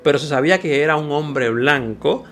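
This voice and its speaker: A man's voice: fairly high pitch, moderate pace, fairly bright tone. A man with a Puerto Rican Caribbean Spanish accent giving an informal history lecture as a teacher, emphatic and didactic, repeating key phrases. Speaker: history teacher and channel host.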